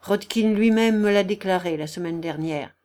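A woman reading an audiobook, voicing a dying young man who speaks quietly, hoarse and weary. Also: medium pitch, moderate pace, close to an everyday voice. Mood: weary calm. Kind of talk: audiobook character voice.

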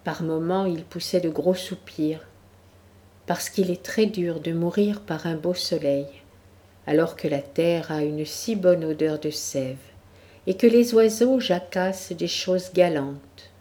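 A woman reading a literary story aloud in a slow, measured storytelling manner. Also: fairly low pitch, mellow. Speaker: audiobook narrator.

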